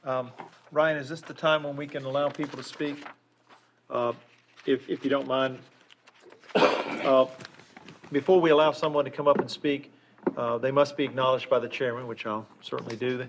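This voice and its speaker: A man's voice: medium pitch, level tone, moderate pace, long pauses. An older man chairs a board meeting from a council dais, speaking at a desk microphone. His tone is courteous and procedural, and his sentences are broken up by fillers and restarts. A faint hiss sits under the recording.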